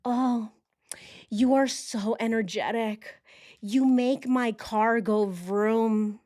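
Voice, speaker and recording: A woman's voice: fairly high pitch, fairly even intonation, extremely slow, dark tone. A woman sarcastically reading out a man's corny love one-liners in a mock-romantic manner on a livestream. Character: corny adult male lover reciting sappy one-liners, mocked.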